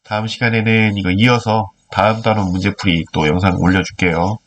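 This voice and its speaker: A man's voice: lowish voice, steady tone, a little fast, a bit bright. Nasal, stuffy-nosed male teacher explaining. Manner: informal, step-by-step explaining with rhetorical questions. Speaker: earth science teacher. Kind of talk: explanatory video lesson, working through problems.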